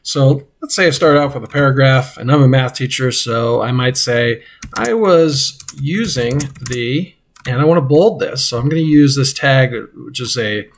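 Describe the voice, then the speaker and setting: A man explains web code step by step as he records his screen. His voice sits at a middle pitch. He talks in a halting, unscripted way, stopping often on fillers and restarts. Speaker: teacher. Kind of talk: screen-recorded coding lesson.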